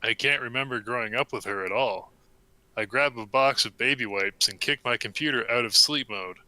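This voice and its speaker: A young man reading a comic story aloud to friends in a deadpan way, with a close mic. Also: mid-range voice, moderate pace, no room sound, poor audio. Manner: deadpan reading, breaking into laughter.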